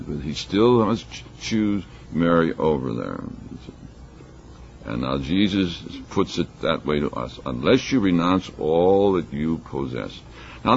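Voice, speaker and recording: A man's voice: low-pitched, a little hiss or hum. A man giving a sermon, explaining scripture and reading passages aloud with rising emphasis. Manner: emphatic, reads scripture aloud with rising force, fillers and restarts. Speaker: preacher. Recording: dull lo-fi recording.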